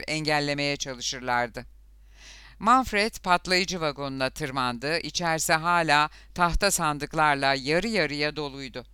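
A man narrating a thriller audiobook in a steady, measured storytelling manner. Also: a little high, clear, resonant tone, no room sound, clean studio sound. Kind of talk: scripted narration.

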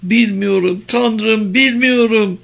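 A man voicing a desperate, hostile young woman captive with a thin, trembling voice, shrill and pleading. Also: fairly even intonation, normal speed, fairly bright tone. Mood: distressed.

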